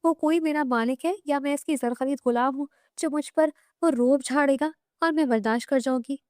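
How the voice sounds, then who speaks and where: A woman reading aloud as a headstrong, innocent young wife in a romance audiobook, indignant and complaining. The voice is high and sits dry and close to the mic. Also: normal speed, darkish tone, no echo, lightly acted.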